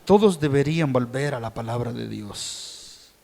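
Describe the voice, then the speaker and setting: A Colombian man preaching a sermon as pastor, questioning his congregation directly and swinging between calm teaching and loud shouted peaks. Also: mid-range voice, measured pace, creaky. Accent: Colombian Spanish. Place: church sanctuary. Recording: long reverb of a church hall.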